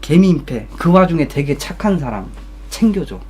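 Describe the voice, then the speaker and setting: A man's voice: fairly high pitch, sing-song, normal speed, a little mellow, slightly rough. A young man telling a story casually from his streaming room, blunt and swearing, acting out coworkers in raised voices. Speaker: streamer giving life advice.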